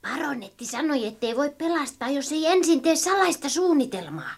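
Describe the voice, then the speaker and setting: A woman voicing a small, excitable myyreli creature in a children's radio play, asking quick, chirpy questions. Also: high voice. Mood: eager. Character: small eager female myyreli creature, sniffer.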